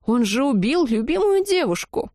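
A woman doing a high wailing tearful girl. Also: very animated, moderate pace, a little mellow, no room sound, clean studio sound. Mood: tearful scolding. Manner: wailing, scolding, high-pitched. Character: tearful scolding young woman friend.

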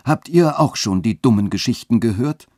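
A man's voice: mid-range voice, lively intonation, normal speed, mellow, dry recording, lightly acted. A scornful young woman of the street, put on by a male reader in a radio reading jeers in a mocking way. The recording is dry and close. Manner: scornful, jeering.

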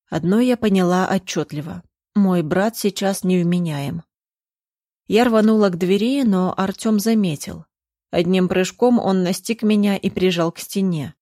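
A woman's voice: fairly low pitch, mellow, dry recording, studio quality. A woman narrating a first-person story in a tense, dramatic reading. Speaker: audiobook narrator.

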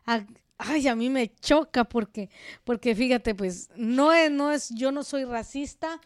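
A woman with a Central American Spanish accent talks on a radio show in a blunt, animated way, full of asides to her co-host. Her voice sits fairly high and comes through smooth and clean on the studio mic. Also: measured pace. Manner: outspoken, animated storytelling with asides. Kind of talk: casual radio chat.

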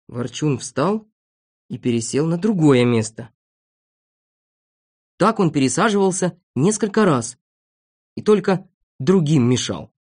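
Brief: expressive storybook narrator, animated pitch, steady mid voice. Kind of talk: children's story reading.

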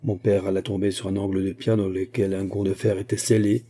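A man's voice: low-pitched, flat delivery, brisk, warm tone, husky. A man reading the part of a strong aging musketeer, gloomy and superstitious, who tells of omens in his family in an earnest, brooding way.

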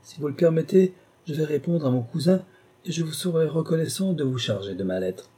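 A man reading an audiobook who voices a calm, dignified young magistrate speaking in a cool, composed, firm way. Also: a little high, fairly quick, husky, voice pushed up.

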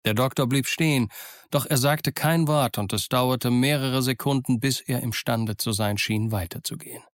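A man reading a novel aloud in an even, measured storytelling manner. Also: medium pitch, no echo, studio quality. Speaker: audiobook reader. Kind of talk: scripted narration.

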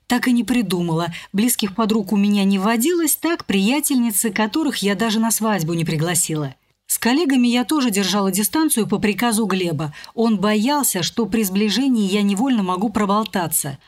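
A woman reading a first-person novel aloud as an audiobook narrator, shifting her pitch and pace to voice the characters. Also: lively intonation, normal speed.

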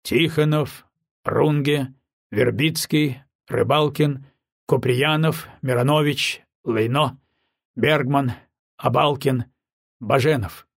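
A man voicing a weary older admiral who speaks in a flat, emotionless voice. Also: mid-range voice, takes it slowly, gravelly, dry recording, studio quality. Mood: resigned.

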